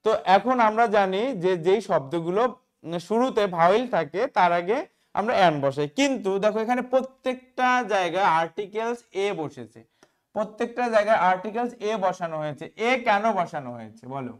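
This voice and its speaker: A man's voice: sits high, lively intonation, brisk. Male teacher asking and answering questions. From West Bengal, India. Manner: asks questions and answers them himself, often checks "okay?". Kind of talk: explaining grammar in a class video.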